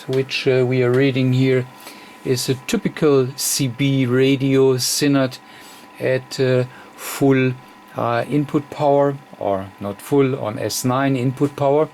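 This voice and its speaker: At an indoor electronics test bench, a radio technician gives an unscripted technical demonstration over radio receiver noise. His medium-pitched voice is creaky with a darkish tone, and he speaks haltingly in fragments with very frequent hesitations.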